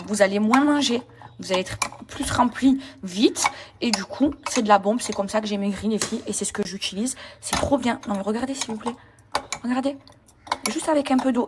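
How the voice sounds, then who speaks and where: A woman's voice: medium pitch, noisy background. A woman chatting casually and emphatically to her followers while doing housework at home. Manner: chatty, emphatic, slangy, addresses viewers as girls. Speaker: lifestyle vlogger. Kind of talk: casual daily vlog chat to followers. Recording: distant mic with household cleaning clatter.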